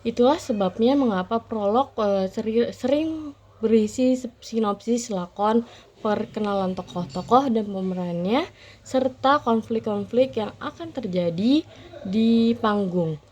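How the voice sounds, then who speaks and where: Woman with a mellow voice reading a lesson. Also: fairly high pitch, unhurried, slight background noise. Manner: reads definitions with occasional fillers. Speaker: presenter.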